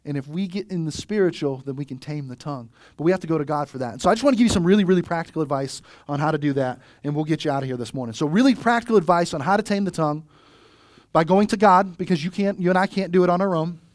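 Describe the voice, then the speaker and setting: Casual pastor guy preaching, chatty and lively, slightly high voice, dry close sound. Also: very fast, no echo. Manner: conversational, animated storytelling with rhetorical "right?". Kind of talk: sermon.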